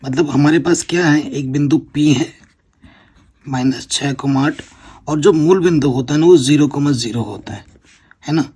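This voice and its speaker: Gravelly, husky maths teacher. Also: male voice, medium pitch, a little mellow. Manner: explains step by step, keeps checking with "theek hai na". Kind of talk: board-exam maths lesson.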